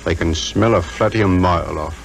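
An English actor playing a bluff, joking police inspector with breezy, slangy talk in a 1950s radio drama. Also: male voice, sits low, a little fast, gravelly, a little hiss or hum, poor audio. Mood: bluff, puzzled. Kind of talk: 1950s British radio acting. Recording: 1950s radio recording with music behind.

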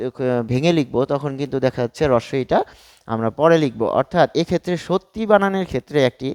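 A man in the middle of his pitch range teaches a grammar lesson, working through examples step by step. He pauses often and fills gaps with short hums as he thinks. The recording is dry and close, with no room sound. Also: a little mellow, dry recording. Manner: explains step by step with frequent pauses and fillers.

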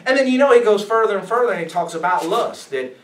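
A man preaching as a pastor, emphatic and animated, asking his listeners questions as he teaches. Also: high voice, quick pace. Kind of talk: sermon, Bible study teaching. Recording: echoey room, mic at a distance.

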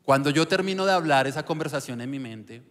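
A young man telling his conversion testimony on a church panel, earnest and halting, often restarting his words. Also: medium pitch, lively intonation. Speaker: panel guest giving testimony. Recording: echoey church hall.

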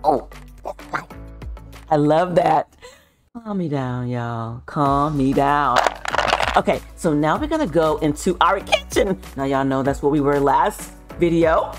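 Low-voiced, gushing woman vlogger. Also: measured pace, music in the background. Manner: gushing, excitable, repeats herself for emphasis; talks straight to viewers with slangy asides. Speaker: vlogger giving a virtual home tour. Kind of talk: casual chatty tour narration.

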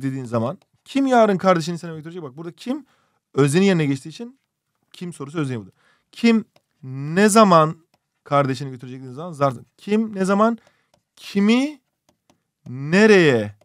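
A man's voice: on the high side, dry recording, clean studio sound. A male teacher giving an online exam-prep grammar lesson, explaining step by step and asking rhetorical questions. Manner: reads out student questions from cartoons.

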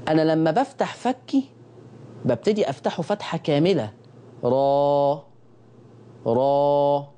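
Mellow-voiced Egyptian man teaching recitation. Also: on the high side, sing-song, slightly rough. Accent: Egyptian Arabic. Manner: repeats key phrases and sounds out letters slowly for viewers to copy. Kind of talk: televised recitation lesson.

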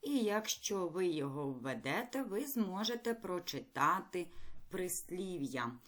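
A woman teaching a primary school lesson in a recorded video, speaking clearly, patiently and encouragingly. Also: on the low side, a bit bright.

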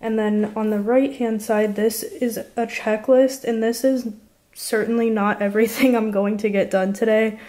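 A woman's voice: fairly high pitch, fairly even intonation, moderate pace, mellow. A woman in her twenties chatting casually to the camera in a study vlog, filling her talk with "like" and "um". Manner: chatty, uses lots of "like" and "um". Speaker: vlogger studying for a medical school entrance exam. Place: apartment living room, indoors.

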